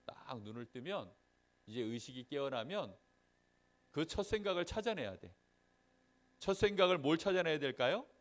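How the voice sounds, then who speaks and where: Animated man preaching to children. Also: mid-range voice. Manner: asks the children questions and checks they follow; lively storyteller, acts out little scenes. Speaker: Sunday school preacher. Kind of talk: children's sermon.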